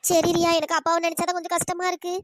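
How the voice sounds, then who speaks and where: A woman's voice: very high-pitched, completely flat delivery, very fast, slight background noise. A woman voicing a timid young bride in a cartoon, speaking hesitantly and anxiously. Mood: worried. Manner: hesitant, worried.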